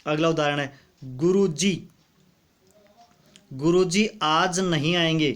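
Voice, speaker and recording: A man's voice: on the high side, takes it slowly. A man teaching a grammar lesson for exam students, repeating each example word and often addressing viewers as friends.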